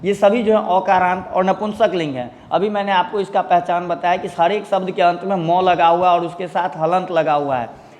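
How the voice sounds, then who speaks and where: A man's voice: sits high, fairly even intonation, moderate pace, a little mellow, in a large hall. A man teaching a children's Sanskrit lesson, reading word lists with their meanings and saying "okay" often.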